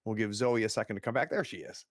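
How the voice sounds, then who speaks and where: A man's voice: on the low side, fast, no room sound. Conversational man as game master, dry sound. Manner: explanatory, conversational. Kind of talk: casual tabletop game narration and commentary.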